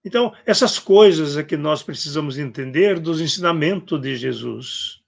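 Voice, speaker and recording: A man with a Brazilian Portuguese accent giving a reflective spiritist sermon, acting out gospel quotes and clearing his throat often. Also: fairly high pitch, expressive, normal speed. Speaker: spiritist speaker. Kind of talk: spiritist sermon on a live stream.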